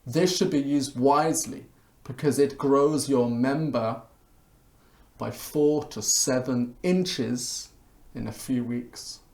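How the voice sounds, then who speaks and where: A man giving a hammy, theatrical dramatic reading like a stage actor, with dramatic pauses and swells. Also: mid-range voice, a little mellow. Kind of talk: dramatic reading of a spam e-mail. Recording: echoey, roomy sound.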